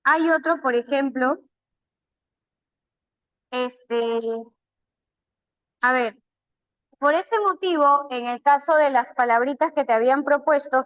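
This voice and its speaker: Teaching an online language class, a woman with a Peruvian Spanish accent patiently repeats key terms slowly. Her voice is high, with no room sound, though the audio is poor.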